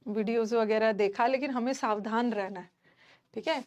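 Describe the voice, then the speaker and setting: High-voiced Indian woman teacher, chatty. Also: moderate pace, darkish tone. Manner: chatty, emphatic, many fillers like "theek hai". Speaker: online teacher. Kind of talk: casual classroom talk to students.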